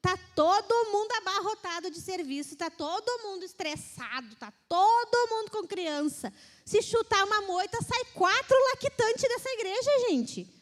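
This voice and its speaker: High-pitched Brazilian woman preaching to women, animated and mimicking, recorded with a long church-hall echo. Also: moderate pace, faint music behind. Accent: Brazilian Portuguese. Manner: lively, mimics complaining voices. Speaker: women's ministry speaker. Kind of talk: casual sermon to a women's group.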